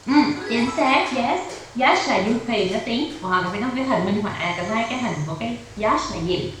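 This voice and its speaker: A woman's voice: a little high, lively intonation, fairly quick, fairly bright tone. A woman tutoring a child in English over a video call, patiently explaining step by step, with a Vietnamese accent. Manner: patient, repeats and explains step by step, code-switches with English drills. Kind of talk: online English lesson for a child. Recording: echoey room, faint noise.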